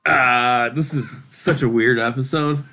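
A man chats casually as a podcast co-host. His speech is halting and profane, often trailing off mid-thought. It is picked up by a laptop's built-in microphone, with some background noise. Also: medium pitch, steady tone. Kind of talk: casual unscripted podcast chat. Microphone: built-in laptop microphone, no studio gear. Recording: noisy laptop microphone recording.

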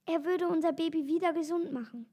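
A woman reading aloud and voicing an upset lioness mother who scolds her mate in an excited, high voice. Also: fairly quick. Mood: worried.

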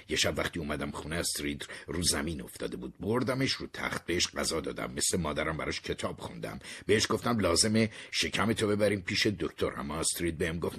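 A man tells a story in the first person with a very husky, breathy voice. His low voice rises and falls with lively, dramatic expression. The delivery has the feel of an expressive retelling. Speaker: narrator.

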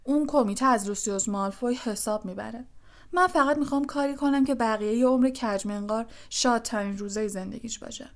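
A woman voicing a huge, gentle male gamekeeper who blames himself, in an audiobook. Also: fairly high pitch, lightly acted. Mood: sad. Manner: sorrowful, self-blaming. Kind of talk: audiobook character voice.

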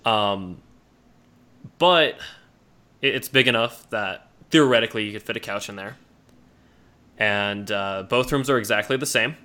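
A man improvising narration as a tabletop game master in a halting, descriptive way. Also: lowish voice, bright, forceful tone, clean tone.

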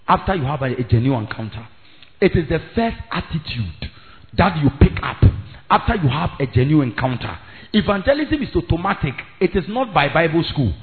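A man with a Ghanaian accent preaching an impassioned evangelistic sermon, emphatic and repetitive, switching between English, Twi and Ghanaian pidgin. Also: a little high. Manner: emphatic, repetitive, rising to shouts. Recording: thin phone-like sound, faint music.

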